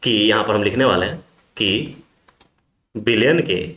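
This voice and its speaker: A man's voice: lowish voice, unhurried, fairly bright tone, reverberant. A man teaching a chemistry class, who asks his students questions and answers them himself, calling them affectionate names. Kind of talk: online class lecture.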